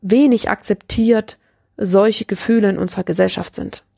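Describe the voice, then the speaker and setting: Earnest German mother, gravelly and dry. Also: medium pitch, fairly even intonation, normal speed, dark tone, no room sound. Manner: earnest, searching, with restarts and frequent "ja?". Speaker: mother sharing parenting reflections. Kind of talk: personal reflective talk.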